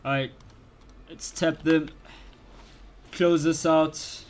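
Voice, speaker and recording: A man's voice: a little high, fairly even intonation, extremely slow. Laid-back man in casual game commentary. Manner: laid-back slang, laughs easily. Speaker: gaming streamer. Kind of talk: casual let's-play commentary.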